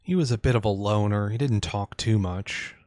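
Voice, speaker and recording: Man playing a nervous townsperson, halting and hesitant, low voice, dry sound. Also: darkish tone, dry recording, natural voice. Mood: shaken. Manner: hesitant, halting speech with restarts. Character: shaken, reluctant local who found a body.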